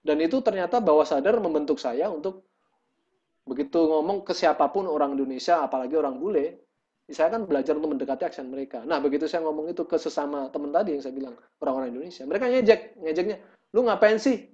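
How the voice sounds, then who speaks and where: A man, a musician and guest, chatting casually over a video call in a lively storytelling way, acting out what people said. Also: on the high side, fast, muffled recording. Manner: lively storytelling, acts out quotes.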